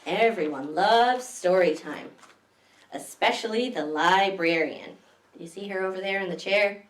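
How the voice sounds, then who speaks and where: A woman with a mid-range voice hosts a children's story time like a librarian, unhurriedly reading a picture book and demonstrating a simple craft for small children. She is recorded far from the mic in an echoey room.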